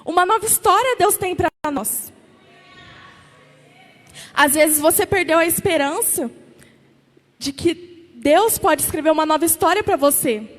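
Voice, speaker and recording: Woman preacher, Brazilian Portuguese accent, high voice, slow and emphatic, long church reverb. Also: lively intonation, fairly bright tone. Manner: repetitive, emphatic questioning. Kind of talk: sermon.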